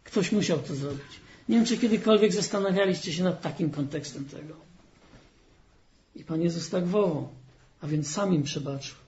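High-voiced man preaching a sermon, lo-fi. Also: moderate pace, a little mellow. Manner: earnest, rising to emphatic stress on key phrases. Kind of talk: sermon with scripture reading. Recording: dull lo-fi recording.

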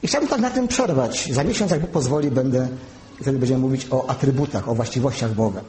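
A man giving a sermon, teaching slowly and carefully and spelling out terms one by one. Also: mid-range voice, expressive, warm tone, slight background noise. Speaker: preacher. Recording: echoey room.

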